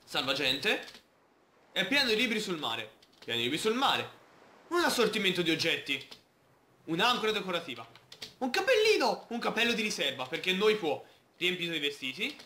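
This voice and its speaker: A man's voice: sits high, very animated, a little fast, sharp tone, echoey room, slight background noise. A man playing a video game, chatting playfully and reading the game's text aloud. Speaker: gamer. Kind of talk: Let's Play commentary.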